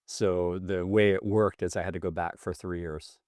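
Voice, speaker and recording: A man's voice: low-pitched, level tone, moderate pace, a little mellow, dry recording, studio quality. A man in his fifties, hosting a casual podcast interview in an enthusiastic, effusive way. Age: 50s. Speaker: podcast host.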